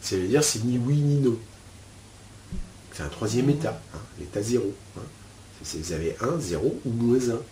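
A man's voice: medium pitch, lively intonation, moderate pace, long pauses, warm tone, a little hiss or hum. A man talking a listener through a guided inner exercise, rambling and hesitant, full of fillers and restarts. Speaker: spiritual teacher. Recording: echoey room with faint ambience.

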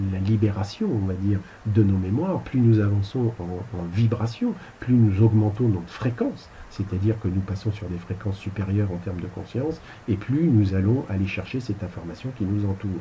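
A man's voice: on the low side, expressive, normal speed, warm tone, dull audio, slight background noise. A man giving a casual spiritual lecture over slides, rambling and colloquial, with crude asides. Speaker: spiritual teacher.

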